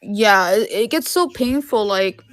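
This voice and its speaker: A woman's voice: medium pitch, lively intonation, a little slow, fairly bright tone, dry recording. Woman, thirties, home live-stream seller; loose rambling chat, dry close recording. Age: 30s. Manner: rambling, heavy use of "like". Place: at home in her room.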